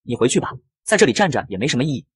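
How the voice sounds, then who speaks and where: Brief: a man doing a haughty young star, cool and cutting, husky, fast delivery. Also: medium pitch, big pitch swings, no echo, clean studio sound. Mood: cold. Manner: cool, sarcastic, curt. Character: proud, stubborn young male star, cold and cutting.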